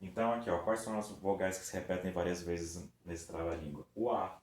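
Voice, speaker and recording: A man's voice: sits low, fairly even intonation. A man teaching a recorded review lesson for children, patiently stretching out words syllable by syllable. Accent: Brazilian Portuguese. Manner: patient, drawn-out syllable-by-syllable demonstration. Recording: echoey room with faint background noise.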